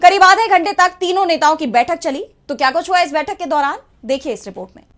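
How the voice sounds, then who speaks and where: A woman news anchor with a high-pitched voice. She presents scripted headlines and introduces reports in a formal bulletin style. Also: expressive, fast, a bit bright.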